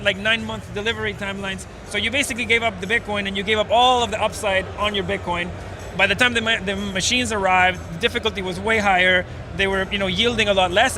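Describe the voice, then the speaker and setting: A man from Venezuela with a voice that sits high talks casually and at length about his startup, which he co-founded, peppering his speech with fillers. The interview happens outside at a busy conference amid background noise.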